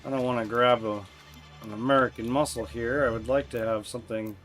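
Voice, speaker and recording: A man's voice: medium pitch, fairly even intonation, a little fast, a bit bright. A man streaming a racing game and chatting casually with his son, thinking aloud as he works through the menus. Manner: easygoing, thinks aloud while picking menus. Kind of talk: casual gameplay livestream chat. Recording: faint music behind the voice.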